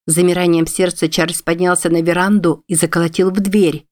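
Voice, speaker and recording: A woman narrating a novel aloud in a steady, measured storytelling manner. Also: lowish voice. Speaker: audiobook narrator.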